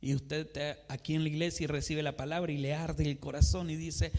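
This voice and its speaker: A man's voice: on the high side, little pitch movement, brisk, a little mellow. A man preaching a sermon in a church, who asks his congregation questions and answers them himself and acts out conversations between a believer and God. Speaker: pastor. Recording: long reverb of a church hall.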